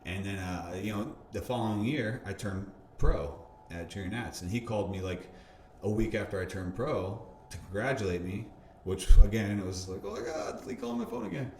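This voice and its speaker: A man being interviewed, telling a story casually, animated, laughing often and restarting his sentences. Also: low voice, normal speed. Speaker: bodybuilder interviewee. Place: gym or park. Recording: roomy echo, faint background hum.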